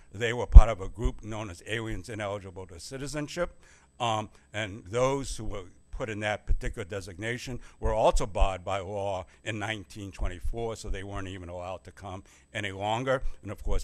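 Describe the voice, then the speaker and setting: A man, a history professor, giving a plain-spoken public lecture at a church forum on a microphone. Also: on the low side. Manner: plain-spoken, self-deprecating opening, steady explanatory delivery. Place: church meeting room. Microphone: handheld or stand microphone.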